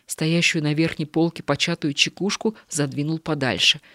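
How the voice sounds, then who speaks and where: A woman narrating a short story as an audiobook, in an even, measured way. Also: low voice, no echo, clean studio sound.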